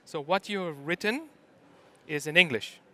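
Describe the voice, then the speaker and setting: A man's voice: on the high side, unhurried, sharp tone. A middle-aged man from Germany, giving a conference talk and hesitating often with ums and uhs. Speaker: conference speaker.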